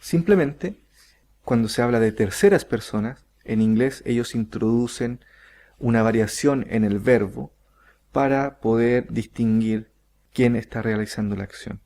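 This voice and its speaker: In a recorded grammar lesson, a man with a dark-toned, mid-range voice teaches English grammar, explaining slowly and carefully and stretching out each example sentence.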